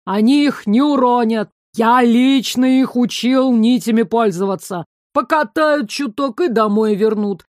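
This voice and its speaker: A loud, blustering male dragon father in a storybook, boasting in a raised voice, as a woman reader puts him on. His voice stays close to the reader's own. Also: on the high side, a little slow, no room sound, lightly acted.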